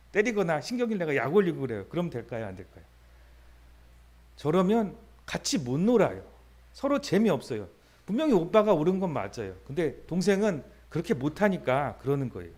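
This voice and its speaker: A man preaching a sermon for children, keeping it animated and chatty. He keeps asking the listeners questions and acts out small scenes in voices as he goes. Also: a little high. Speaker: pastor.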